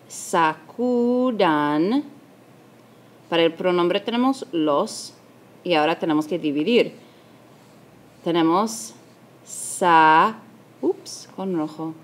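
Woman teacher, lowish voice, unhurried screencast narration, patient, counts things out. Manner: patient, explains step by step; corrects her own slips aloud. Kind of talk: recorded video lesson.

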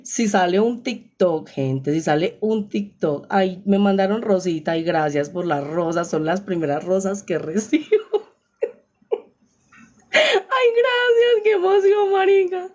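A young woman with a Paisa Colombian accent chatting casually with viewers on a live stream, exclamatory and quick to laugh, speaking into a phone. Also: lowish voice, dark tone. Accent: Paisa Colombian Spanish.

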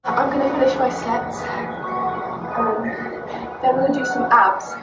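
Over loud music, a young British woman in her twenties speaks in a high-pitched, steady voice at a measured pace, casually rambling and self-deprecating as she vlogs her day as a personal trainer. She's from the United Kingdom, recording on a propped-up phone camera at home and at a gym.

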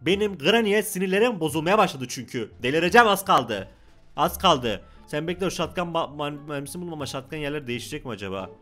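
A young man narrating a Let's Play in quick bursts, exclaiming as he plays. His voice sits a little high and moves fast. Faint music plays under him. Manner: excited, exclaiming and talking to the game character. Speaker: gaming YouTuber.

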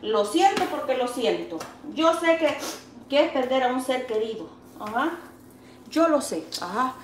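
A woman's voice: high-pitched, very animated, measured pace. A woman with a Salvadoran accent chatting casually on her vlog, reading viewer comments and consoling them with fond pet names while she makes tortillas. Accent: Salvadoran Spanish. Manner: affectionate, calls viewers sweet pet names; consoling, folksy and talkative. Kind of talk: casual live-stream chat. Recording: echoey room with faint background noise.

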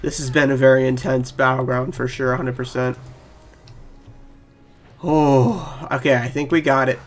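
A young man giving rambling, excitable live commentary on his own gameplay and talking to his viewers. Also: mid-range voice, normal speed, soft background music. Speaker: gaming channel host. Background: keyboard typing.

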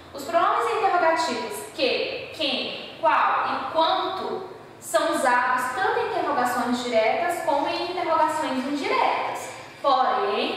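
A Brazilian woman teaches a recorded grammar lesson with a high, clear voice, walking through each example slowly and checking in with her students. She sounds set back from the mic in a strongly echoing room with a long tail of reverb. A faint hum of room noise sits underneath. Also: a bit bright, recorded from a distance. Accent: Brazilian Portuguese. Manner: explains step by step with frequent "né?" and "observe".

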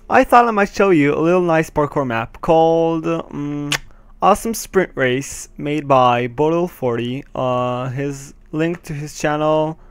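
Hosting a gaming channel through his headset, an Israeli teen whose first language is Hebrew comments casually and hesitantly, with lots of ums, nervous laughter, and swearing when things go wrong. He has a fairly high, clean-toned voice and an Israeli accent, recorded without room sound.

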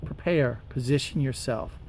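Outdoors by a wooded parking lot, an American man in his forties holds a camera or phone at arm's length and gives casual, earnest encouragement in a devotional talk. His medium-pitched voice is unhurried and conversational, with outdoor ambient noise behind it.

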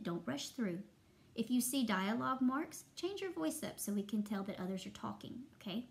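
Woman teacher reading a storybook aloud. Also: mid-range voice. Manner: clear, patient instructions for young readers. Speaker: first grade teacher.

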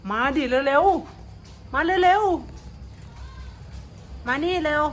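A woman's voice: sits high, lively intonation, very slow, soft background music. A woman calling and coaxing her pets in casual home talk. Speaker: pet owner.

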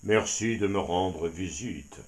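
Man doing a deep, solemn old bison. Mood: weary. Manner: slow, deep, solemn speech. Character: huge old male bison, wise and calm. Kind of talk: storybook character voice.

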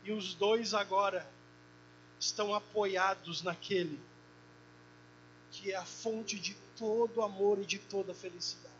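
A high-pitched male pastor preaches fervently in a church, his words swelling into loud, heartfelt prayer. The recording sounds dull and muffled, with a clear electrical hum underneath. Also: steady tone, measured pace, pauses often. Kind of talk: sermon.

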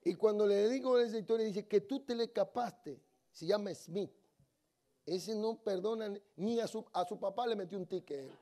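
In a church sanctuary, a guest preacher with a high-pitched yet dark-toned voice gives a lively Spanish-language sermon full of humorous anecdotes. He tells stories at a moderate pace, swinging between soft asides and loud exhortation.

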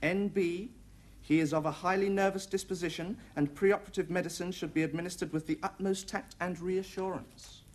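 A man's voice: high voice, fairly even intonation, fairly quick, lightly acted. An actor playing a cheeky, exasperated airman working as a hospital orderly in a sitcom. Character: put-upon airman orderly, cheeky and flustered. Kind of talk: 1970s sitcom acting. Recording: noisy TV recording with audience laughter.

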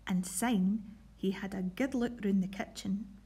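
A woman's voice: mid-range voice, unhurried, warm tone, breathy edge. A woman with a Scottish accent leading a primary school assembly and reading a storybook aloud in an encouraging way.

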